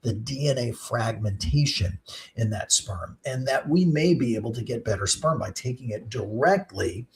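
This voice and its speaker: A man's voice: medium pitch, expressive, moderate pace. A middle-aged man, a fertility doctor hosting a live question-and-answer stream, explaining things in a chatty way with many ums and uhs.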